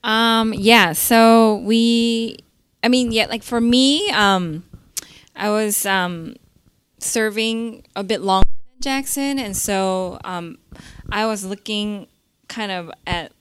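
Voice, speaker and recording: A young woman telling her side of a story, hesitant with many pauses and fillers, laughing lightly. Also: mid-range voice, fairly bright tone, clean tone. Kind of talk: casual testimony.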